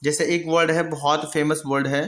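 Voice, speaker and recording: A male teacher giving a vocabulary lesson, who explains patiently, answers his own questions and repeats each word slowly. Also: on the high side, little pitch movement, fairly bright tone, roomy sound. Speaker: English pronunciation teacher. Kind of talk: Hindi-language vocabulary lesson.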